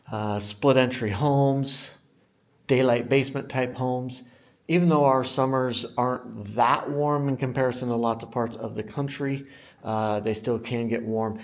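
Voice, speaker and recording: American man, enthusiastic realtor, mid-pitched voice, casual house-tour narration with salesy emphasis on features. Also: darkish tone. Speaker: real estate agent giving a home tour. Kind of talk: casual walk-through tour narration to viewers. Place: inside a house, walking room to room.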